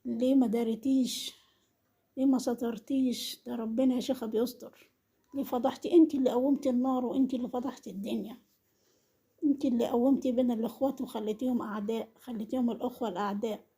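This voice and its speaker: The Egyptian-accented vlogger talks fast in a steady tone, her somewhat high voice mellow and warm with a husky, breathy edge. Her scolding monologue on an online family feud keeps hammering home the same accusing questions.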